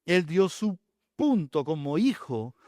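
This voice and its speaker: A man's voice: on the high side, very animated, slow pace, a little mellow, dry recording, studio quality. A man preaching a sermon, counting off his points and asking the congregation rhetorical questions. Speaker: pastor.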